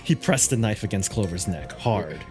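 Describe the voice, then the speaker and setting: Low-voiced man narrating a game. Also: lively intonation, normal speed. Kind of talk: scripted narration, read aloud. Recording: music behind the voice.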